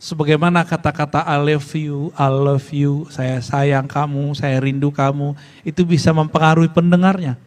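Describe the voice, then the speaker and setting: A man giving an informal religious lesson, talking conversationally, quizzing his listeners and chanting Arabic phrases slowly. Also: a little high, steady tone, a little mellow. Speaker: preacher teaching a study circle.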